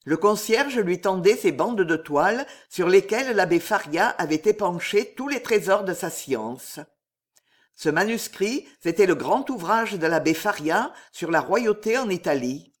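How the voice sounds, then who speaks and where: A man narrating an audiobook of a classic novel in a measured, literary manner. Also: high voice, animated.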